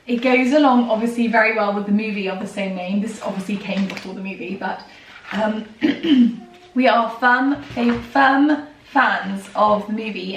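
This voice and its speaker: A woman in her thirties, a book reviewer and vlogger, chats casually and enthusiastically about children's books, her medium-pitched voice hoarse as she recovers from losing it to a recent illness. She fills her talk with lots of ums and soft laughs. The recording sounds roomy and distant from the mic, with faint noise.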